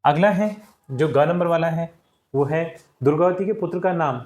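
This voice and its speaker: A man's voice: a little high, normal speed, darkish tone, reverberant. A male teacher patiently walking children through answers step by step in a classroom lesson. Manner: patient, explains step by step, often addresses children.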